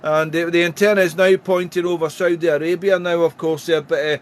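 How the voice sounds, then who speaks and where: High-pitched British man working the radio. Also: flat delivery. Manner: deliberate, using radio call phrases. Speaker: amateur radio operator. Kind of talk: casual radio contact chat. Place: home radio room.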